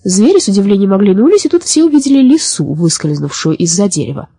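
A woman narrating a children's storybook in an expressive, animated way. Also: medium pitch, quick pace, breathy edge, no echo. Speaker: audiobook reader.

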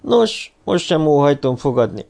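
A man's voice: on the high side, big pitch swings, creaky, darkish tone, voice pushed up. A man voicing an aging male institute head who talks in dismissive, clipped questions, in a Hungarian audiobook reading. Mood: curt.

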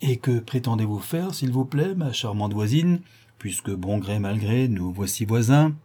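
A man voicing a vain, haughty young gentleman who talks with affected, disdainful politeness. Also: lowish voice, expressive, measured pace, slightly rough. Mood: mock-polite.

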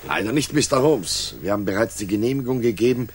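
An actor playing a matter-of-fact, deferential police inspector in a 1960s German radio drama, speaking formally and factually. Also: male voice, fairly low pitch, animated, fast, slightly rough.

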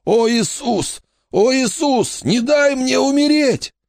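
A man's voice: very high-pitched, animated, slow pace, gravelly, darkish tone, no echo, clean studio sound, voice pushed up, exaggerated voice. A man doing a wounded man begging for his life. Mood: terrified. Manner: moaning, pleading.

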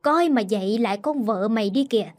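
A woman voicing a sharp-tongued, scornful sister-in-law who scolds loudly, in a storybook reading. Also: on the high side, animated, brisk, natural voice. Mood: scornful, scolding. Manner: loud, mocking and scolding.

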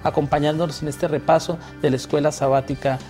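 A man hosting a relaxed Bible lesson discussion, chatting and asking leading questions. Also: on the high side, quick pace, loud music behind the voice. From not from Mexico. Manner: conversational, asks leading questions. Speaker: host.

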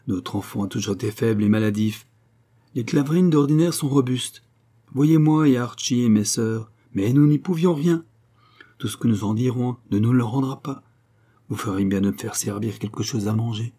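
A man reading aloud and voicing a cold, brusque middle-aged aristocratic husband with a low, rough voice. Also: moderate pace, dark tone, natural voice. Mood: curt. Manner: brusque, impatient.

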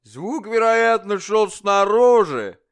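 An ingratiating royal courtier offers an eager explanation in a storybook reading, his voice lifted high and loud as a man acts him out. He speaks slowly, smoothing things over. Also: animated. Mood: placating.

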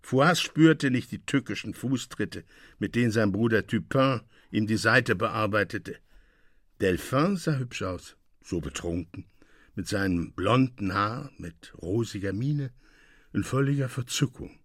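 A man narrating a classic short story as a radio reading, with lively, expressive delivery. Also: fairly low pitch, measured pace, dry recording, studio quality.

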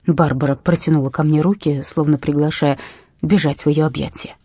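Husky woman narrating an audiobook. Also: fairly low pitch, no echo, studio quality. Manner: expressive, drops to a whisper in tense moments. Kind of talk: first-person novel narration.

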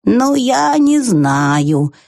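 A calm, peculiar female snail from a storybook, drawing each word out at a crawl. A woman does her voice in the reading. Her tone is quiet and unhurried, recorded dry and close. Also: on the high side, gravelly, no room sound, voice pushed up, full character voice. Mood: slow and calm. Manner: very slow, drawn out, quiet.

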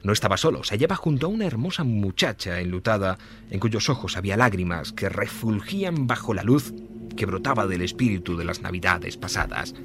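A man narrating a classic Christmas story in a measured, storytelling way. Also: lowish voice, expressive, a bit bright. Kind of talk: scripted narration.

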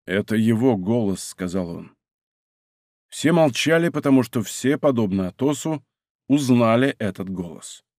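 A man narrates an adventure novel in a measured, dramatic way. His voice sits in a middle pitch, and the recording is dry and close. Nothing from the room is heard. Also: expressive, darkish tone, dry recording. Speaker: audiobook narrator. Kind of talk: scripted narration.

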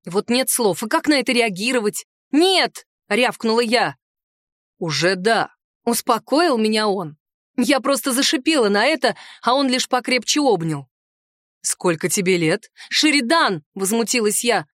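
A woman reads a first-person fantasy romance aloud in a rather high voice, lively and wry in her asides. The recording is close and dry, with no room sound. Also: moderate pace, no room sound. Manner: expressive, wry and sarcastic in asides. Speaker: audiobook narrator. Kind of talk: first-person novel reading.

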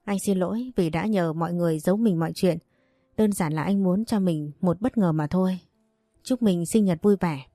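A woman voicing a tender, affectionate young husband who speaks gently. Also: lowish voice, normal speed, dry recording, clean studio sound, natural voice. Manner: gentle, loving.

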